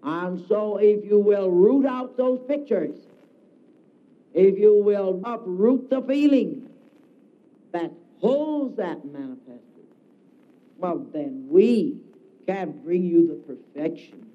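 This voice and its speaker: A man giving a solemn devotional address, declaiming slowly with emphatic repetition, heard on a dull lo-fi recording. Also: sits high. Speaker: spiritual speaker.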